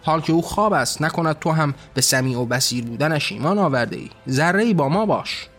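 A man's voice: a little high, animated, a bit bright, faint music behind. A man voicing a weary, mocking male angel who grumbles sarcastically in a storybook reading. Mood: sarcastic.

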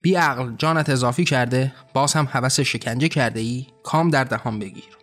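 A man's voice: medium pitch, a bit bright, soft background music, lightly acted. A man voicing a stern male angel who snaps curt, scolding orders in a storybook reading.

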